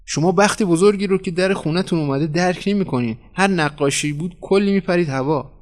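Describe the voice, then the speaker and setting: A man voicing a calm, flattering newspaper editor who talks a painter into staying dead. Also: high-pitched, pitched above the performer's own voice, close to an everyday voice. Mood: persuasive. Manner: cool, persuasive, flattering. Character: smooth, scheming middle-aged male newspaper editor.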